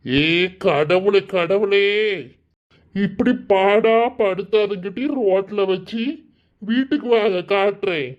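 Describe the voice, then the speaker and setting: A woman's voice: mid-range voice, slow pace, lo-fi sound, close to an everyday voice. A woman voicing a fretful elderly village grandfather in a cartoon, speaking with a Kanyakumari Tamil accent. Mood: guarded.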